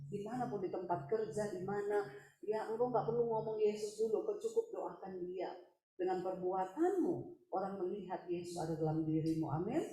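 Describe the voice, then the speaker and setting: A woman's voice: mid-range voice, moderate pace. Woman preaching in an echoey church. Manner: lively storytelling with laughs, acts out quoted voices. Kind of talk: sermon. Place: church hall.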